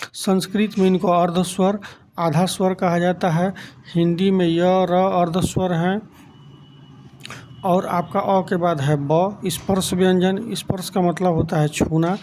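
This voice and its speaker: A man's voice: sits high, warm tone, slight background noise. A man teaching a grammar lesson, defining each term, then spelling out letters and counting them aloud one by one. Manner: defines terms then repeats them for emphasis.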